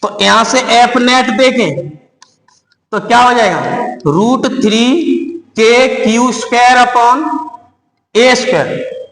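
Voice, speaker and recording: A man teaches physics at a board in a high, carrying, fairly bright voice, speaking slowly with long pauses. He quizzes his class, answers his own questions, and calls the students "beta," all in an echoey, roomy space with a long reverb.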